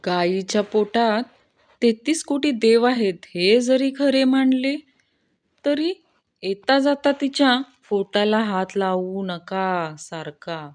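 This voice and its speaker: A woman's voice: on the high side, slow pace, darkish tone. A woman reading a string of short jokes aloud, shifting her voice slightly for the characters. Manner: storytelling delivery with small voice shifts for characters. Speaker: joke reader.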